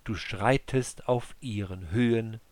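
A man reading scripture aloud in a measured, solemn recitation, like an audiobook narrator. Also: on the low side, darkish tone, no echo.

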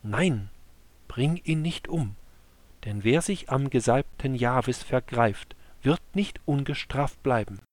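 An earnest young warrior calls out with a raised, imploring voice, as a male storyteller puts him on. The sound is dry and close, and the delivery is slow and deliberate. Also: medium pitch, dry recording, close to an everyday voice. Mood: solemn. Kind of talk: scripture storytelling.

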